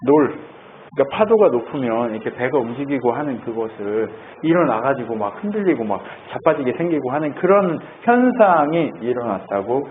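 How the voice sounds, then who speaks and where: Man preaching, lively, animated swings in pitch, tinny phone-like sound, faint noise. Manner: lively, keeps asking the congregation questions. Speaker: pastor. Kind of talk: sermon.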